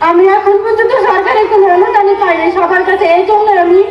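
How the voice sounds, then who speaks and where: A young woman with a Bangladeshi accent speaks in an extremely high, tearful voice. She pleads in distress, as in an emotional public appeal. The sound is dull and echoey, with some noise around her. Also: steady tone, fast. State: tearful, close to crying. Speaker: bereaved widow making a public appeal. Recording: dull, noisy, echoey news interview audio.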